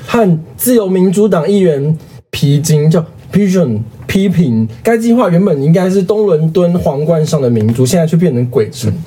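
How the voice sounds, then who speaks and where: A man's voice: fairly high pitch, animated, normal speed, warm tone, breathy edge. A man, co-hosting a podcast, who drops wry one-liners and then walks through a news story. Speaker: podcast co-host. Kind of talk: casual chat and news recap.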